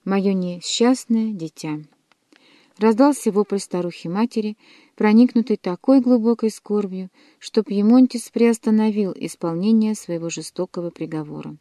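A woman narrating an audiobook in a measured, dramatic reading style. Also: medium pitch, warm tone, no room sound, studio quality.

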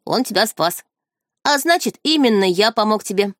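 A woman reading an audiobook, voicing a magical tiger cub in a small boy's form who speaks in a flat, indifferent way and keeps demanding food. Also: mid-range voice, moderate pace, no echo, studio quality, natural voice. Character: magical tiger-cub beast as a small boy, blunt, always hungry.

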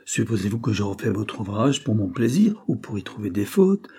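An earnest, dutiful young clerk, put on by a man narrating, explaining patiently but firmly. The tone sits somewhat above the reader's low, mellow, husky voice. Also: very animated, normal speed.

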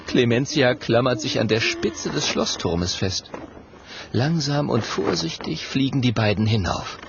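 A man narrating a children's story in an expressive, animated way. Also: medium pitch, measured pace, creaky, background noise. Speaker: audiobook narrator. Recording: dull audio with faint music.

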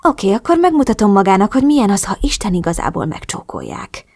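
A woman's voice: mid-range voice, big pitch swings, a little mellow, no echo, studio quality. A woman voicing a cocky young male drug lord who teases and mocks in a romance audiobook. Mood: teasing. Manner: mocking, playful.

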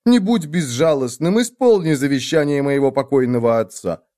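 A man's voice: medium pitch, normal speed, mellow, pitched above the performer's own voice, close to an everyday voice. A man voicing a clever female horse who begs politely, read as a storybook tale. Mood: pleading. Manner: imploring, sly politeness.

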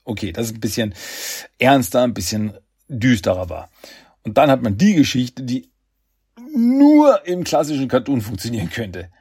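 A man's voice: medium pitch, very animated, moderate pace, a little mellow, breathy edge, dry recording, clean studio sound. A man hosting a podcast, chatting in a loose, rambling way. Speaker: podcast host. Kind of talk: casual chat.

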